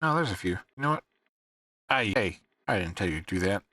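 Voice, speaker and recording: A man hosting a livestream with casual, rambling chat, often pausing as he thinks. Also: sits low, lively intonation, bright, forceful tone, dry recording, clean studio sound, far from the mic. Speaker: livestream host.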